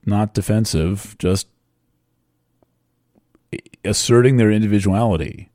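A man talks through the astrology of the moment in a loose, rambling monologue, pausing often and filling the gaps with ums. His voice sits very low and mellow, and his pace is slow and deliberate. The sound is close and dry, with no room around it. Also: dry recording. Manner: rambling, unhurried, with many fillers and pauses. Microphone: studio microphone.

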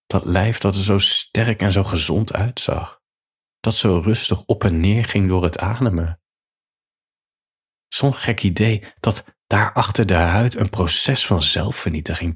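Deep, husky man reading his story. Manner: calm, reflective reading with quiet emotion. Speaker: writer and writing teacher. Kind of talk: reading aloud his own short story.

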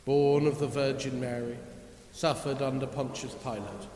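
A man formally reciting a creed at a measured pace in a church service, with cathedral echo around his voice. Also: mid-range voice, little pitch movement, darkish tone. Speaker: worship leader. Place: large reverberant church, indoors. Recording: cathedral echo, long reverb, hiss.

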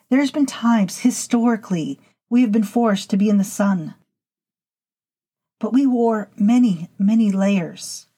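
Woman voicing an old vampire lady historian, stern lecturer, slow formal delivery, mellow husky voice, audio fiction. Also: medium pitch. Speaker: narrator of a vampire storytelling podcast. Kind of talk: scripted audio fiction monologue.

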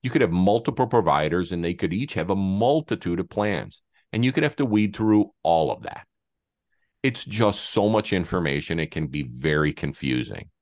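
Male podcast guest, advisor type, very low voice, animated intonation, close dry sound. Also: gravelly, no room sound. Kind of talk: conversational advice on a podcast.

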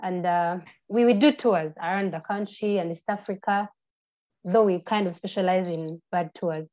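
A woman's voice: lowish voice, a little mellow. Ugandan woman, twenties, chatty podcast guest, a bit muffled. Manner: friendly, halting, with restarts and fillers. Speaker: podcast guest, birding tour guide. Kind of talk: casual interview answers. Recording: slightly muffled lo-fi audio.

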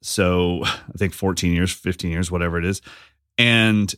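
A man co-hosting a podcast in casual chat, an animated storyteller who acts out the lines he quotes. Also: sits low, normal speed, clean tone, dry recording, studio quality. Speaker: podcast co-host.

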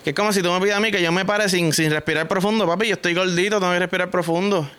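A man with a Puerto Rican accent rants through a casual comic vlog, crude and joking, heavy on slang. His voice is fairly high, bright and very clear. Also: fairly even intonation, very fast. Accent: Puerto Rican Spanish. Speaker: vlogger host.

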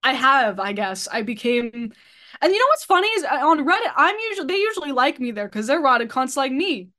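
A woman's voice: high voice, big pitch swings, brisk, bright, forceful tone. A woman speaking as a podcast guest, rambling in a blunt, self-deprecating way with lots of fillers. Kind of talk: casual podcast chat.

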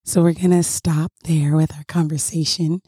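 A woman hosting a podcast with a hoarse, froggy voice, speaking earnestly and haltingly as she encourages her listeners. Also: low voice, flat delivery, warm tone, no room sound, clean studio sound. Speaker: podcast host. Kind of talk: podcast sign-off addressed to listeners.

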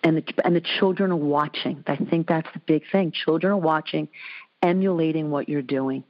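A woman in her thirties hosting a casual interview, telling stories with lively, animated delivery. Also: moderate pace. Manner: animated storyteller, jumps into high voices for quotes. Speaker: host. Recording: dull lo-fi sound.

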